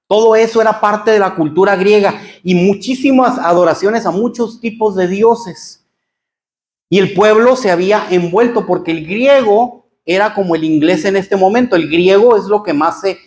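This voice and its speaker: A man's voice: sits high, a little mellow, echoey room. A man with a Mexican Spanish accent teaching a church Bible lesson, explaining patiently and addressing listeners as brothers. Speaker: pastor teaching a Bible class. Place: church hall.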